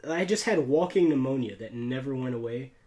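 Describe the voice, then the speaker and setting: A man from the United States, who hosts a podcast and makes YouTube videos, tells personal stories in loose, casual chat. He's fairly quick, medium-pitched and lively in intonation, with a dark tone, and his slangy rambling is sprinkled with "like," "dude" and "bro."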